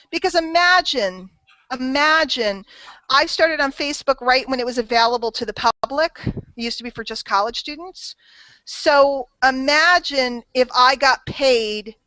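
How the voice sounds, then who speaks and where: High bright woman hosting a group call, chatty and teasing, dry close sound. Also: no echo, poor audio. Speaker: host of a marketing call.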